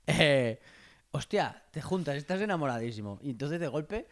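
A man with a Catalan accent chatting casually and comically, full of wordplay and quick jokes. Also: on the high side, animated. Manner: jokey, wordplay, bursts into playful put-on voices. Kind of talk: casual comedic chat.

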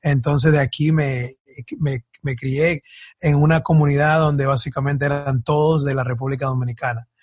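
Man from Ecuador, podcast guest, husky, hesitant, dry sound. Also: mid-range voice, steady tone, normal speed, darkish tone, no room sound. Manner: hesitant, many fillers and restarts. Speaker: guest musician. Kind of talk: casual podcast interview.

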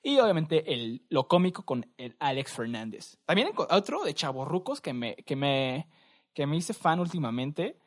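A young man with a Mexican Spanish accent, co-hosting a podcast and telling stories in a relaxed, slangy, rambling way. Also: on the high side, moderate pace. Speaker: podcast co-host. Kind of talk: casual chat.

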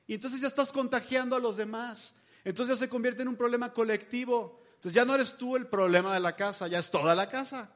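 High-voiced preacher, chatty and humorous. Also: male voice, a little fast, few pauses, fairly bright tone. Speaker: pastor. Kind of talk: sermon.

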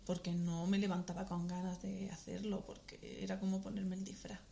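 A woman guest in a relaxed conversation, blunt and candid, with plenty of swearing and laughter. Her voice sits at an ordinary middle pitch. A faint hiss stays underneath. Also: normal speed, creaky. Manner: frank and swearing, laughs often. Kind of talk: casual podcast chat.

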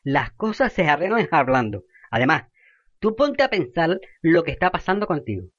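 A woman's voice: deep voice, moderate pace, dry recording, dull audio. A woman playing a pious, soothing older village woman who keeps calling out to Jesus. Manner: calming, exclaims to Jesus.

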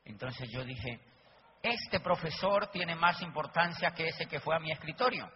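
A man with a notably high voice delivers an emphatic motivational talk, driving points home by repeating them. The sound is dull and lo-fi. A faint hiss sits underneath. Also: a little slow. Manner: emphatic, repeats key lines, addresses audience. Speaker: motivational business speaker. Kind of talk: motivational talk with acted anecdotes. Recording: dull lo-fi recording with faint noise.

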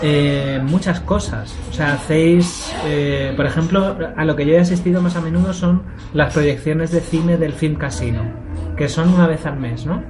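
A man's voice: on the high side, steady tone, moderate pace, over music. A man hosting a radio interview, chatty and prompting the guest, often backing him with "ujú". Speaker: radio host.

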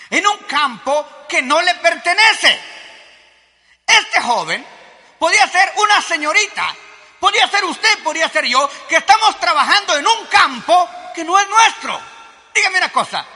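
Male preacher, emphatic sermon delivery in a very high, sharp voice, echoing through a reverberant hall. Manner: emphatic, swings between shouting and hushed asides; addresses listeners directly as brother.

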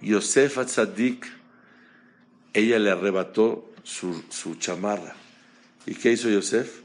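A man giving a Torah class, animated, asking the audience questions and mixing Hebrew terms into his speech. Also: on the low side, slow. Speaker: rabbi teaching a class.

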